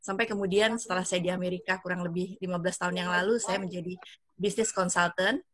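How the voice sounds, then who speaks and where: A woman's voice: on the low side, fairly even intonation, quick pace, a bit bright, no room sound. A woman in her fifties from Indonesia, hosting an online business presentation over a video call and speaking with frequent fillers. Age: 50s. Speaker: event host and emcee.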